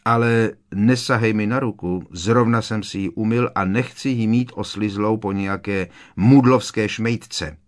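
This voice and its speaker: A man voicing an arrogant teenage boy wizard in an audiobook, raising his voice into a loud, mocking taunt. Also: fairly low pitch, few pauses, natural voice. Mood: sneering. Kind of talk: audiobook character voice.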